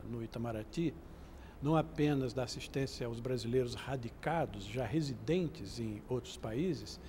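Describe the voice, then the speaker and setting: A man's voice: on the high side, darkish tone, a little hiss or hum. A man with a Brazilian accent, a diplomat guest answering formally, hesitant with many "ah" fillers. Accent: Brazilian Portuguese. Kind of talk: formal studio interview.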